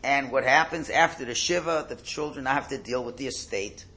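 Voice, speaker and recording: Bright-voiced man teaching, cold sore on tongue. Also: medium pitch, brisk. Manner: explanatory, repeats phrases in translation. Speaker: rabbi giving a class. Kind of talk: religious text lesson, reading and translating aloud.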